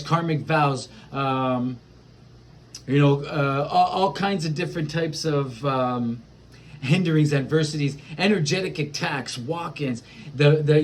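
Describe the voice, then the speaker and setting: A man's voice: a little high, slight background noise. Rambling man musing on spiritual experience. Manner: rambling, many fillers and restarts. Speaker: spiritual vlogger. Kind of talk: casual spiritual monologue.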